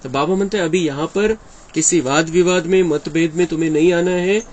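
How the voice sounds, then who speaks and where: A man's voice: a little high, steady tone, fairly quick, a little mellow, rough recording. A man giving an earnest devotional discourse, explaining and often quoting his teacher. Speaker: spiritual speaker explaining a daily discourse.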